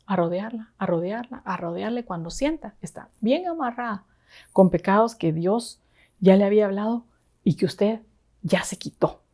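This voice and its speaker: A woman's voice: mid-range voice, mellow. Earnest woman preaching a sermon. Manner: earnest, conversational preaching with rhetorical questions. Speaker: deaconess preaching to a women's service.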